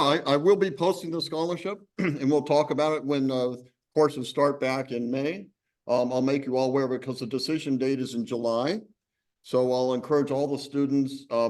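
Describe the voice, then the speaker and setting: A man's voice: medium pitch, darkish tone. Rambling man hosting a meeting. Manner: rambling, full of fillers and restarts. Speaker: program director and host. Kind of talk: informal meeting introduction. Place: university classroom.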